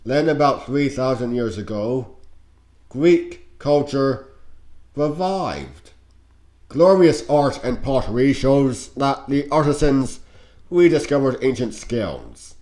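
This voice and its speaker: Slow-reading man with a stuffy nose. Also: mid-range voice, lively intonation, darkish tone. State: sick with a cold. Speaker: narrator reading on-screen educational game text. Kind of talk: scripted narration, reading aloud.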